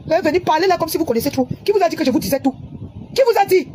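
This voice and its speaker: A high-pitched woman rants heatedly into her phone camera, scolding her audience and repeating her points. Loud background ambience and passing traffic fill the recording. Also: lively intonation, very fast. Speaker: social media personality. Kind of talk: angry livestream rant.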